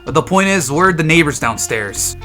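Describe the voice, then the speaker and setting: A young Texan vlogger from the United States jokes around with his viewers, telling a loose, slangy story in casual comedic chat. His voice is fairly high and animated, with a sharp tone and moderate pace, and soft music plays behind him.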